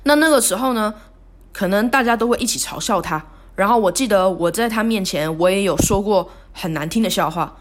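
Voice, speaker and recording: A woman hosting a solo podcast, talking in a halting, remorseful way with many restarts. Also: medium pitch. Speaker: podcast host. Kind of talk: reflective solo podcast monologue.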